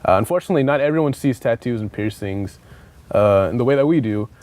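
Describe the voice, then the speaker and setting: A young man hosting a college TV panel in a studio, asking questions in a relaxed, casual way. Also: mid-range voice, fast talker. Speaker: host. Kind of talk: moderating a panel discussion.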